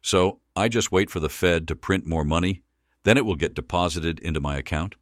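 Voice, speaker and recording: A man reading an audiobook, voicing a blunt male bank customer who speaks gruffly and dismissively. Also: deep voice, brisk, dry recording, studio quality, natural voice. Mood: exasperated.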